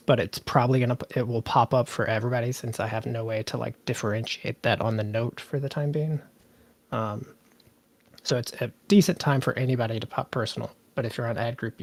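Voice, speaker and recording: A man talking a raid group through the plan over a headset, loose and full of ums. His voice carries a gravelly fry, and the sound is dry and close. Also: medium pitch, a little mellow, no room sound. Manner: casual, filler-heavy explaining. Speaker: raid leader. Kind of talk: voice chat during a game raid.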